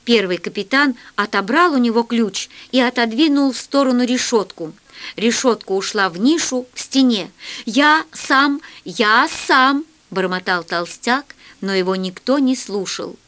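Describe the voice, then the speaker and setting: A woman reading a children's story aloud with expressive storytelling. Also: a little high, normal speed. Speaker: narrator.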